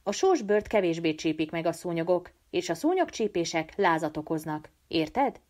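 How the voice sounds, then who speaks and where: A woman's voice: lowish voice, animated, darkish tone, lightly acted. A woman voicing a clever, serious teenage boy who leads a band of children, curt and matter-of-fact. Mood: earnest.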